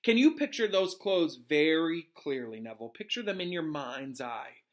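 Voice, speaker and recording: Bir adamın canlandırdığı Profesör Lupin, canlı tonlamalı büyücü öğretmen. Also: male voice, on the high side, big pitch swings, normal speed. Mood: calm, encouraging. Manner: encouraging, clearly instructive, emphatic. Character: calm, cheerful male wizard professor teaching a class.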